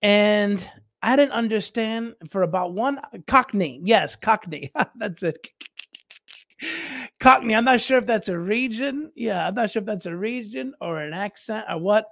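Male preacher guest, slightly raised pitch, loose laughing anecdote delivery with restarts, dry close-miked sound. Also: measured pace, creaky, no echo. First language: English. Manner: rambling, animated, laughing often, many restarts. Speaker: missionary preacher. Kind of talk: casual storytelling on a talk show.

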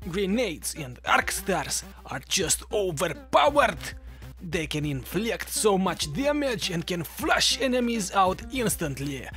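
A man's voice: high-pitched, very animated, slow, fairly bright tone. A man with a Russian accent narrating video game tips in a jokey, mock-instructive way. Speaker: gaming video creator giving tips. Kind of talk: scripted tutorial narration over gameplay. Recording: music behind the voice. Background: background music.

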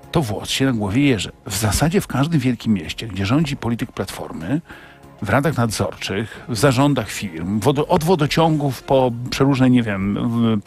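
Ironic male radio host. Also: mid-range voice. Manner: ironic, teasing, quick questions. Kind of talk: radio interview. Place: radio studio.

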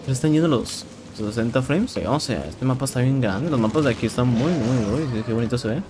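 A young man with a Mexican accent giving casual, excitable commentary while playing a shooter game, swearing and repeating words. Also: medium pitch, fast. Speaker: gameplay streamer. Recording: game sounds and noise in background.

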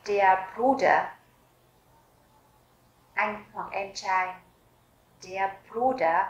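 Woman teacher, mid-pitched, unhurried, repeats every word with care; roomy echo around the voice. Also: dull audio. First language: Vietnamese. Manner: slow, careful repetition of each word. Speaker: German language teacher. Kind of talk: vocabulary lesson with slow repetition.

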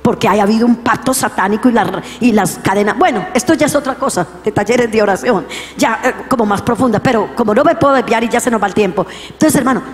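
A middle-aged woman preaching a sermon, telling a story in a voice that swings from hushed to fervent shouting. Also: on the high side, fast talker. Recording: long reverb, faint music behind.

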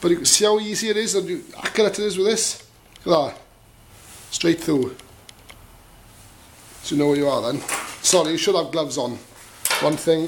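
Standing at a workshop bench vice, a man demonstrates hands-on and tosses out short, casual remarks while he works. His fairly high voice comes through poor audio. Filing rasps and clicks are clearly heard behind him.

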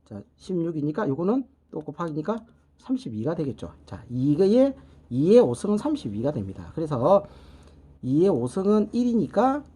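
Middle-aged male instructor, patient lesson delivery, lively pitch, husky edge. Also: normal speed. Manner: patient, repeats "자" and "요렇게" while working steps aloud. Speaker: network technology instructor. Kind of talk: whiteboard math lesson.

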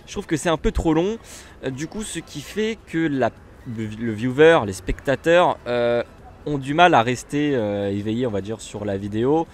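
A man with a French accent, a gaming YouTuber, comments casually on his bus simulator session, chatty and rambling, restarting often and using many fillers. He speaks in a mid-range voice, with slight background noise.

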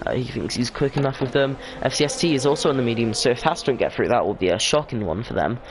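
A man's voice: mid-range voice, quick pace, background noise. Tired man commentating sim racing. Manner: hesitant, lots of ums and self-corrections; tired and yawning. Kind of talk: casual esports race commentary.

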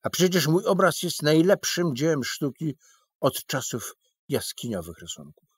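A man's voice: a little high, sing-song, a little slow, slightly rough, no room sound, pitched above the performer's own voice, full character voice. A man voicing an eccentric, boastful, burly male painter who declaims grandly in a storybook reading. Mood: grandiose.

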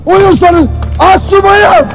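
A stern army commander who lectures and berates his troops. He turns cutting and bursts into shouts, his voice pitched very high. Loud film score runs underneath. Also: slow pace, gravelly, loud music behind the voice, exaggerated voice. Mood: shouting. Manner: harsh, lecturing, breaks into shouting. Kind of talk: film drama acting.

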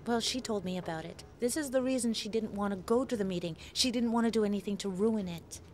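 An actress dubbing a frank colleague giving earnest advice. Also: female voice, medium pitch, quick pace, a little mellow, a little hiss or hum, natural voice. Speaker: dub actor. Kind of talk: drama dub.

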